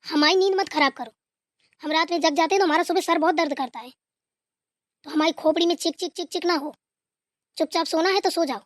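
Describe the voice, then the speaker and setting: Brief: woman doing bossy nagging old mother-in-law, high voice, dry close sound. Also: fairly quick, pauses often, no room sound. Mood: scolding. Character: scolding older mother-in-law, grumpy and sleepy. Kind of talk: comic family skit.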